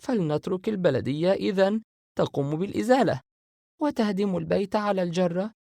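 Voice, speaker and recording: Young sister, anxious and pleading, high voice; a man doing her in a dry audiobook read. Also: a little fast, creaky, warm tone, no echo. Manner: high, urgent questioning. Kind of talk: audiobook character reading.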